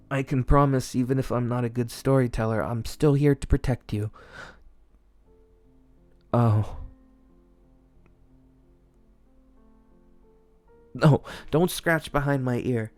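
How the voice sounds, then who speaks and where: A young man voicing a shy, dutiful young male general who reads a bedtime story aloud in a whispered role-play, soft, earnest and easily flustered. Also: medium pitch, close to an everyday voice.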